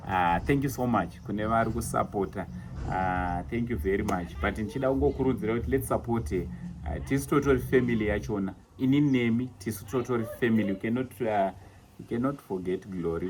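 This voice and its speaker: A man with a Zimbabwean accent, talking casually and encouragingly to his viewers as a vlogger. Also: lowish voice. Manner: upbeat, encouraging, chatty. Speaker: vlogger presenting gifts. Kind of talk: casual vlog talk mixing Shona and English.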